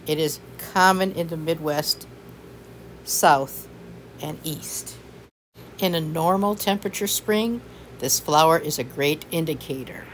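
Woman narrator, low-pitched and unhurried, instructive scripted voice-over with faint background hiss. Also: low-quality recording. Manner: measured, instructive.

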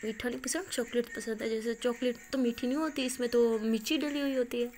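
A woman's voice: fairly high pitch, steady tone, a little fast, a little mellow, a little hiss or hum, close to an everyday voice. A woman doing a teasing, bossy young woman. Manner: teasing, scolding.

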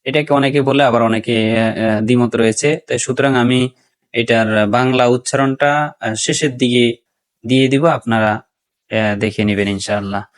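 Man teaching slow careful recitation. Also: medium pitch, steady tone, clear, resonant tone. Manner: slow, drawn-out recitation between plain explanations; corrects common mistakes by repeating words. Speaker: religious teacher. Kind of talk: pronunciation lesson on recited phrases.

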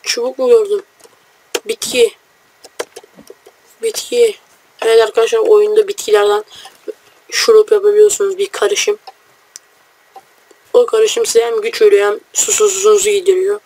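A young man giving casual, joking let's-play commentary, brash and quick to swear at enemies while talking to his viewers. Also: high-pitched, level tone, a little mellow. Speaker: gamer.

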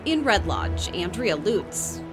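Woman reporter narrating over loud music. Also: mid-range voice, big pitch swings. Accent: American. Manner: measured storytelling delivery. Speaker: news reporter. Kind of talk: scripted news narration.

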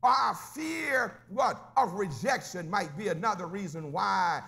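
High, gravelly preaching man, shouting and whooping. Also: animated, a little slow, faint music behind. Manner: rising to shouts and sung whoops, asking "Huh?". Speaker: pastor. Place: church sanctuary.

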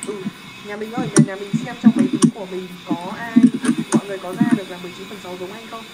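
A young male tutor rattles through a math lesson at a quick clip, casual and joking as he keeps checking that his students follow. Loud background noise sits under his voice throughout. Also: sits high, fairly even intonation.

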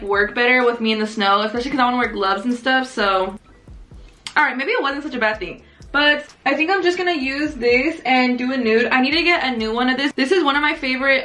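Young woman vlogger, high bright voice, chatty and slangy, casual get-ready talk in a small bedroom. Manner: chatty, filler-heavy, slangy, laughs easily. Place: small pink bedroom indoors.

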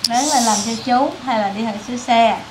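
A woman, the boy's mother, urging him emotionally to go work, gently scolding him not to cry. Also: on the high side, a little fast, background noise. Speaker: mother of the boy. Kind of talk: casual chat.

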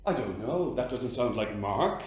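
A man's voice: medium pitch, expressive, a little slow, darkish tone, lightly acted. A man playing a blunt, prying mother on stage, teasing and nagging. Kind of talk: stage drama. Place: theatre stage. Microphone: distant stage mic. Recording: echoey theatre from far off.

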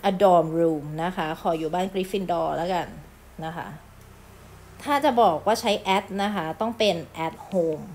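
A woman English teacher, from Thailand, explaining a lesson in a chatty manner, reading English phrases slowly and clearly, with polite endings and casual asides. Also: on the low side, a little mellow, a little hiss or hum.

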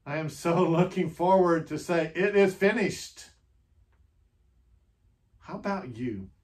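Here a pastor reflects on Holy Week in a mid-range voice, speaking gently. He keeps his phrases short, pauses at length, and asks the listener question after question.

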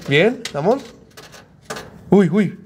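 A man's voice: sits high, lively intonation, very slow. A man from Mexico hosting a livestream at an arcade coin machine, chatty and greeting viewers by name, with a congested nose. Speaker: livestream host. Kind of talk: live streaming chat at an arcade coin machine. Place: indoor arcade. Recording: noisy arcade with clicking machines.

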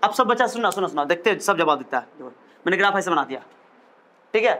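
Brief: male physics lecturer, higher-pitched voice, repeats and quizzes. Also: lively intonation, fast talker, pushed and bright. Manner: quizzing questions, repeating phrases. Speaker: physics teacher. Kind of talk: classroom lecture.

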